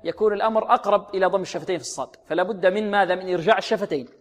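A man teaching Quran recitation rules, who asks his students questions, answers them himself and slows down to demonstrate each sound. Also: high voice. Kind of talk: tajweed lesson with demonstrations.

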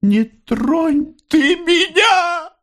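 A trembling, tearful old mother pleads with her son in a high, drawn-out voice that slides widely up and down, as a male reader puts her on. The words come slowly, stretched out with feeling. It is storybook reading. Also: expressive, fairly bright tone, heavily acted. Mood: anguished. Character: anxious, tender older working-class mother.

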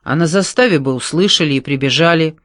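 Eager young recruit kid, whiny and unsure, a man putting him on, pitched up a bit. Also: fast, fairly bright tone, dry recording, clean studio sound, natural voice. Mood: hesitant. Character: naive eager young male army recruit.

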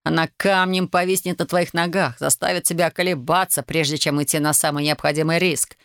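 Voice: medium pitch, fairly even intonation, fairly quick, fairly bright tone, clean tone, no echo, studio quality, natural voice. A reader voicing a scheming, wounded male soldier who urges and presses in an audiobook. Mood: pressing. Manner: insistent, urgent persuading. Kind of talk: audiobook character voice.

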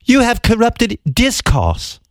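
Scolding female British interviewer, put on by a man, slow, outraged, lively pitch, dry sound. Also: no echo, full character voice.

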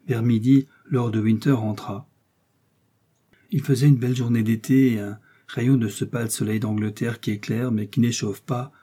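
A man narrating a classic novel in a measured, expressive reading. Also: medium pitch, slightly rough. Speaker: audiobook narrator.

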